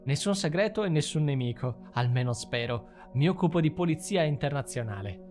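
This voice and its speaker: A man's voice: on the high side, expressive, a little fast, darkish tone, soft background music, lightly acted. A man voicing a breezy, wry woman in her thirties who works in international policing, in a read-aloud story.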